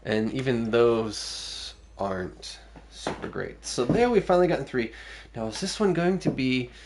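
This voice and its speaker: A man's voice: medium pitch, animated, unhurried, background noise. A man streaming a video game, thinking aloud through his choices in casual commentary.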